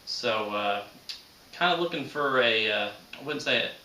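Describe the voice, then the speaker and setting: Animated and bright, this man's medium-pitched voice carries a forceful tone at a measured pace, with a little hiss or hum present. He's in his 30s, hosting a shooting hobby channel and chatting loosely to viewers in a folksy, rural, colloquial manner, recorded on a distant mic in an echoey room.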